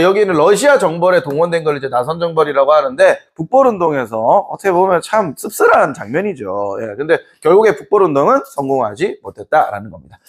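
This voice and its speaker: Playful male history teacher, high and animated, lecturing to a class. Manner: playful, acts out quotes, laughs often.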